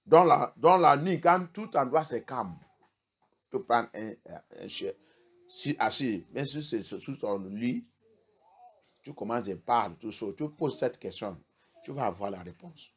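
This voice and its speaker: Male pastor, emphatic sermon, big jumps between loud peaks and quiet lows, repetitive phrasing. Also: animated, measured pace, husky. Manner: emphatic preaching with sharp rises and hushed drops; repeats words and restarts phrases.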